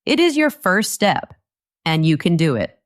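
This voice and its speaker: A woman giving a scripted English lesson for learners in a slow, gentle and encouraging way. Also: lowish voice, sing-song. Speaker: English teacher.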